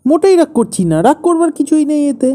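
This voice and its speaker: A man's voice: fairly high pitch, animated, quick pace, dark tone. A man reading the part of a defensive, agitated writer husband in a Bengali play reading. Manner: heated, rising to agitated outbursts.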